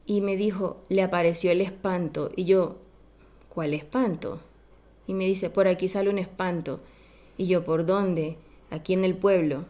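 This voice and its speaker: Speaking unhurriedly in a voice on the low side, a podcast guest shares a tale from when she was a girl. Her telling is relaxed and lively, and she performs the voices of each person in the story.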